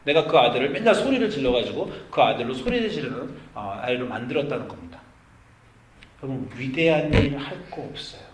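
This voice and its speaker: Animated Korean-speaking male pastor, echoey church. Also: medium pitch, brisk, background noise. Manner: animated, swings from near-shouting to hushed. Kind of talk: sermon. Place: church sanctuary.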